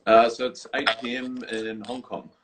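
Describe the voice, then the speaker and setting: A man's voice: mid-range voice, flat delivery, normal speed, background noise. A man being interviewed from his office over a video call, explaining a product with many fillers and restarts. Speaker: guest, coffee brewer designer.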